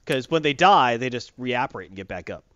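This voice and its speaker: A man co-hosting a game stream show, chatting casually and reading out shout-outs with jokey energy. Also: mid-range voice, lively intonation, brisk, clear, resonant tone, no echo. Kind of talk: casual livestream chat and giveaway. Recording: dull lo-fi dry stream audio.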